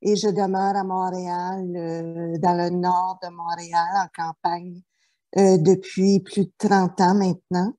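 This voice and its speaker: Speaking slightly slowly in a lowish, mellow voice with a level tone, a middle-aged therapist from New Brunswick, Canada, tells her life story during an interview. She is hesitant, filling her speech with fillers and frequent restarts.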